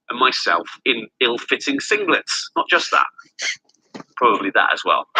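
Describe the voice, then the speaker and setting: A man with a very bright, forceful voice presents scripted news with wry, playful emphasis. His pitch swings in a lively way and sits slightly high, over faint background noise. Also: low-quality recording. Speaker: presenter of a wrestling news show. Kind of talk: scripted news narration with joking asides.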